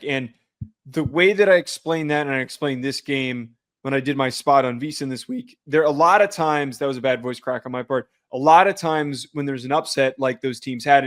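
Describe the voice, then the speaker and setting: A man co-hosting a casual sports podcast from New Jersey, laying out confident, analytical betting picks. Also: mid-range voice. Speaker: podcast co-host.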